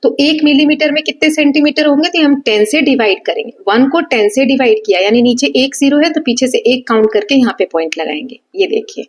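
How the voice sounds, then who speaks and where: A woman's voice: high voice, brisk, hardly any pauses. A young Indian woman teaching a maths revision lesson step by step, checking in often with her students. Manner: explains step by step, checking in with "है ना" and "ठीक है". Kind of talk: revision lesson explaining on a board.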